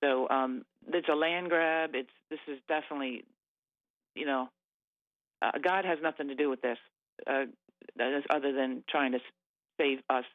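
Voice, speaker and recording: Guy calling into a radio show, phone line sounds thin and dry, kinda gravelly, keeps stumbling and restarting. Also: mid-range voice, fairly even intonation, dry recording. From Nova Scotia. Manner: halting, many fillers and restarts. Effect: radio show caller on a phone line. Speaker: caller. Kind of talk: agitated call-in talk.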